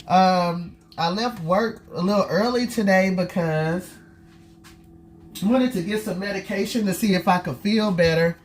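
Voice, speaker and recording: A woman hosts her cooking vlog from a home kitchen, her voice nasal and congested from a cold. She talks at an unhurried, slow pace and chats straight to her viewers while she works. A faint hum of room noise sits behind her. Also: mid-range voice. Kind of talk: casual cooking chat.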